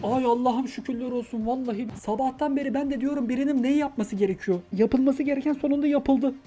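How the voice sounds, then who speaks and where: A man's voice: very high-pitched, fast. Mocking, exasperated man over show music. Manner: mocking, exasperated, loud outbursts. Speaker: reaction commentator. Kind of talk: comic reaction commentary over a reality show. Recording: show music playing underneath.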